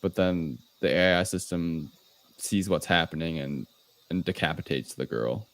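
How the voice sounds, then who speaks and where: On a dry recording, a low-pitched man talks a little slowly as he hosts a podcast. He recaps a movie casually, in a hesitant, informal way that explains things loosely.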